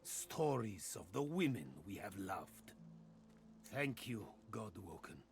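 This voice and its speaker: A man voicing a grave, courteous demon hunter in a video game, speaking formally and theatrically with a gravelly voice. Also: lowish voice, very animated, faint music behind, exaggerated voice. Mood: solemn, grateful. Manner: formal, measured, dramatic.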